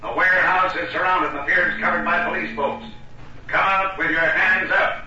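An actor playing a stern district attorney in a 1940s radio drama, ordering criminals to surrender through a loudspeaker on a sound truck. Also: male voice, high voice, fairly even intonation, normal speed, far from the mic, highs cut off, heavy background noise. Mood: commanding. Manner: commanding, loud. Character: stern crime-fighting district attorney, middle-aged man. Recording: old radio broadcast, echoing through a loudspeaker.

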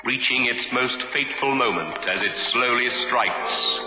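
A man plays a portentous narrator of vintage radio suspense. He speaks very slowly and solemnly in cavernous reverb, with prominent music behind the ominous introduction. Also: mid-range voice, close to an everyday voice. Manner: grave, measured, ominous. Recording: echoing old radio recording, long reverb.

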